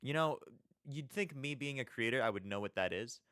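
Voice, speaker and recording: A man's voice: mid-range voice, expressive, a little fast, pushed and bright, clean tone, dry recording. A young man casually commenting on a video, thinking aloud with lots of questions and chuckles. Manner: musing, questioning, chuckles often. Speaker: reaction video host.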